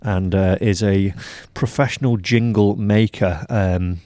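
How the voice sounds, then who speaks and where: A man's voice: fairly low pitch, fairly even intonation, slow pace, mellow, dry recording. A man hosting a golf podcast in a playful, chatty way, with frequent ums. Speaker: podcast host. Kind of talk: casual chat.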